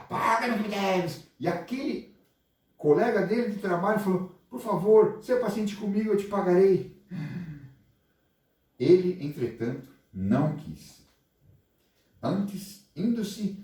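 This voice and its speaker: A Brazilian man tells a Bible story to children and keeps asking them questions. His voice is mellow and moves up and down a lot. He sits far from the mic in a church hall with strong echo. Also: sits high. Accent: Brazilian Portuguese. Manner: animated, asks the listeners questions.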